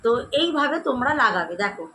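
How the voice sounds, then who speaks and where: Young woman beauty vlogger, rapid chatty tutorial delivery, slightly high voice, home camera mic. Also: very animated, bright, forceful tone, a little hiss or hum, poor audio. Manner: chatty, addresses viewers as friends, demonstrating as she goes. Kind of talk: casual skincare tutorial. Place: at home, indoors.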